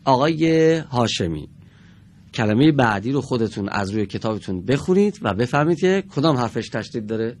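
A man teaching a televised classroom lesson in a studio, patient and encouraging with the pupils, drawing out each example word slowly and deliberately. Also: mid-range voice, expressive, darkish tone.

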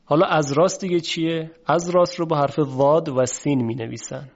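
A man teaching a tajweed pronunciation lesson, patiently explaining and slowly drawing out sounds to demonstrate them. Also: fairly high pitch, steady tone, vocal fry. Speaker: Quran recitation teacher. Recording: dull, lo-fi recording.

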